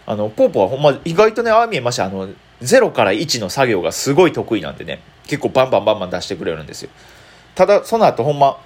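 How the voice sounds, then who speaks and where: A male comedian with a Kansai accent, talking solo about his sketch ideas and acting out bits in quick character voices. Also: mid-range voice. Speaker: comedian podcaster. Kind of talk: solo comedy talk radio.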